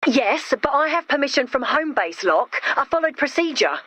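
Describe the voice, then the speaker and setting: In this animated video game clip, a woman voices a keen young female inventor who talks about grisly things with cheerful, matter-of-fact enthusiasm and strong emphasis. She sounds high-pitched and insistent, speaking at a normal pace with no echo.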